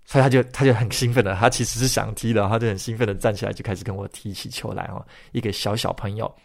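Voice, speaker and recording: Male podcast host, slightly low and gravelly, chatty storyteller. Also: steady tone. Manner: chatty, ends phrases with drawn-out particles.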